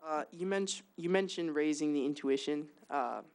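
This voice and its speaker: A man's voice: on the high side, moderate pace, a little mellow, clean tone. A male trustee at a mock board meeting, carefully working through numbers and stumbling on some words. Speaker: trustee asking questions.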